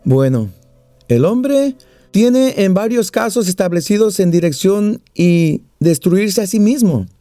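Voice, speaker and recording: A man's voice: high voice, expressive, slow, dark tone, dry recording, soft background music. A man preaching a sermon, mixing scripture and prayer with jokes and small stories. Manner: joking storyteller, plays out little voices.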